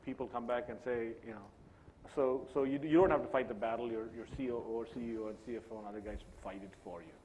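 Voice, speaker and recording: A man serving as a CIO panelist talks fast during a panel discussion, with a medium-pitched, slightly mellow voice and fairly even intonation. He is conversational, full of restarts and "you know," and there is slight background noise.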